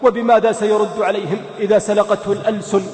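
A man's voice: high voice, flat delivery, quick pace, a little mellow. A man preaching an impassioned sermon, telling a story in the first person and pleading with rhetorical questions. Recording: echoey hall with long reverb.

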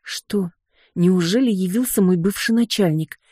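A reader voicing a sharp-tongued young witch heroine in an audiobook, with indignant quick retorts. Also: fairly low pitch, no echo, studio quality, pitched above the performer's own voice. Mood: teasing.

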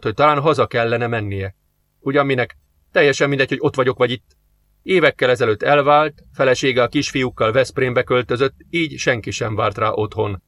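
A man narrating an audiobook in a steady, measured reading. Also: mid-range voice, no room sound. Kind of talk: scripted narration.

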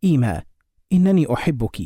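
A man's voice: fairly high pitch, animated, fast, dark tone, no echo, clean studio sound. A man voicing a young man desperately in love, speaking in an earnest, pleading way.

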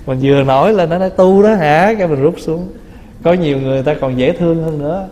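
Buddhist monk giving a warm-toned dharma talk. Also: male voice, fairly high pitch, brisk, a little hiss or hum. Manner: conversational, teasing, acts out little quotes. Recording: long reverb of a hall.

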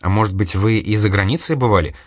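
A man's voice: on the low side, fast, no room sound, studio quality, lightly acted. A man doing a chatty curious young woman. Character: lively young woman street vendor. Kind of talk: audiobook reading.

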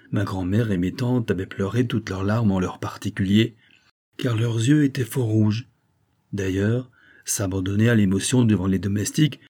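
A man giving a measured, literary scripted narration of a novel as an audiobook reader. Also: fairly low pitch, mellow, breathy edge.

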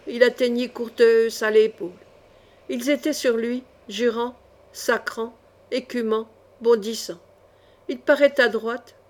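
Casting note: woman narrator with a fairly high voice, measured and expressive, reading a cloak-and-dagger novel. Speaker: audiobook reader. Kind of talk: scripted narration of a swashbuckling novel.

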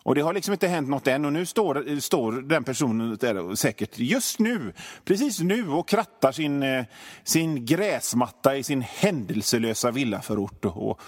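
A man's voice: medium pitch, big pitch swings. A man hosting a radio show, delivering a sarcastic, rambling comedy monologue with plenty of swearing. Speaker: radio host.

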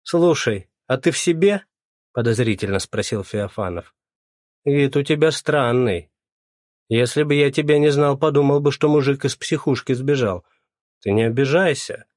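A man's voice: medium pitch, moderate pace, no echo, studio quality, pitched above the performer's own voice, natural voice. A man voicing an angry, sarcastic male police colleague in an audiobook. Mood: suspicious. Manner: loud, needling, sarcastic.

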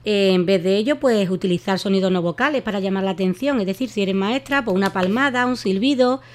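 A woman's voice: mid-range voice, a little fast, a little mellow. A woman giving voice care advice in a radio interview, explaining with many fillers and restarts. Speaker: voice therapist guest.

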